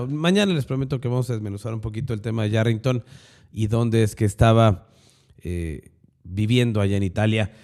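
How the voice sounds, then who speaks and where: A man's voice: fairly low pitch, a little mellow. Sarcastic Mexican man reading news. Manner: sarcastic, with crude slangy asides. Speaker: podcast news host. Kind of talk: opinionated news commentary.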